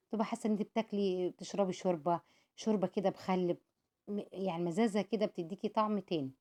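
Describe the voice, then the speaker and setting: A woman with an Egyptian Arabic accent, narrating a home cooking vlog in a chatty way. She explains each step, calls her viewers "my dears" and adds prayers for them. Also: fairly low pitch. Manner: warm and devout, calls viewers "my dears", prays for them often.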